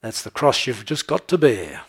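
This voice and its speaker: A pastor preaches a conversational sermon in a sing-song, mid-range voice that's a bit bright and slightly rough, at a moderate pace. He tells jokes, laughs, and keeps checking in with his listeners by asking "okay?".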